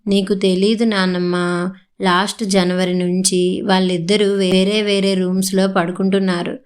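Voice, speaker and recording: A woman's voice: mid-range voice, little pitch movement, moderate pace, close to an everyday voice. A woman voicing a young boy in a storybook reading, speaking in a pleading, childlike way. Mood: upset. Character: young boy grandson, upset and tearful.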